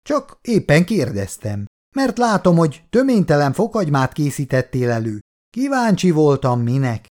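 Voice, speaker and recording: A man reading a story aloud and voicing a calm, kindly older father who speaks in a mild manner. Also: on the high side.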